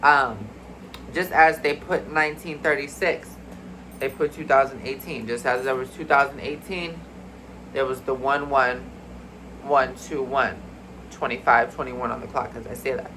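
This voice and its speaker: A spiritual card reader rambles through a casual reading, voice sitting at a middling pitch and sounding a bit congested. The talk wanders in a loose, mystical way, always turning back to the viewers as y'all. Faint noise sits behind the voice. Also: fairly even intonation, a little slow, fairly bright tone, rough recording. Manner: chatty, addresses viewers as y'all.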